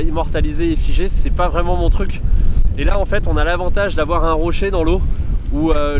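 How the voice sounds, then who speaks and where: A man giving a casual outdoor vlog as a landscape photographer, explaining his technique and talking up over strong wind that buffets the microphone on a seaside coast. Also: fairly high pitch. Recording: wind buffeting the mic, loud noise.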